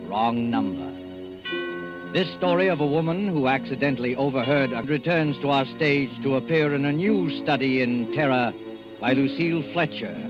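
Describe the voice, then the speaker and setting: An actor playing a sinister, solemn mystery host in the ominous, formal style of 1940s radio. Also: male voice, mid-range voice, muffled recording, lightly acted. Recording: band-limited 1940s radio recording, music behind. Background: dramatic music.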